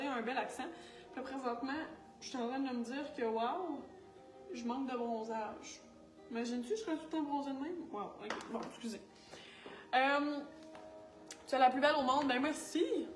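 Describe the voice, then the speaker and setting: Recorded from a distance, this high-voiced woman speaks with a Quebec French accent. She's a makeup artist doing a tutorial and chatting casually to camera, rambling and poking fun at herself while she works, with faint music in an echoey room.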